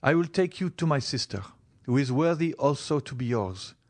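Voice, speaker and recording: A man reading an audiobook, voicing a passionate young man who speaks in an earnest, measured and bitter way. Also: medium pitch, expressive, voice pushed up, lightly acted. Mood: urgent.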